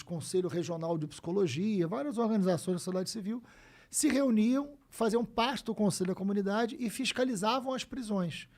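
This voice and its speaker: A man in his fifties with a Rio de Janeiro accent, a guest telling stories in a casual podcast chat, animated and swearing freely. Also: sits high. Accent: Rio de Janeiro Portuguese. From Brazil. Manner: animated, swears freely, acts out quoted dialogue.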